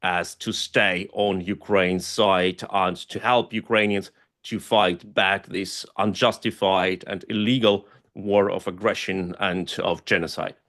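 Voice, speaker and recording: A man's voice: low voice, fairly even intonation, slow pace, fairly bright tone. A man from Russia, not a native English speaker, answering interview questions earnestly and hesitantly, with many fillers as he lists historical examples. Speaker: guest scholar and activist.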